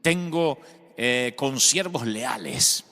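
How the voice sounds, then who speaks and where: A man's voice: medium pitch, expressive, extremely slow, pushed and bright. A man from Argentina with an Argentine Spanish accent, preaching a sermon as pastor, telling stories with humor and emphasis. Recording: long hall reverb.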